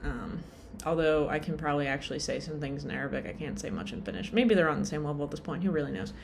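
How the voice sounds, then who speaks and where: A young adult woman vlogs in a rambling, casual way, packing her talk with fillers and self-deprecating asides, and she sounds tired. Her voice is low with vocal fry, her intonation lively and her pace fast, over slight background noise.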